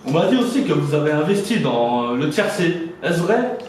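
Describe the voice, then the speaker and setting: Male interviewer, polite and formal, higher-than-average voice, strong echo, mock documentary. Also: very animated, moderate pace, darkish tone. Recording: very echoey, distant mic, faint noise.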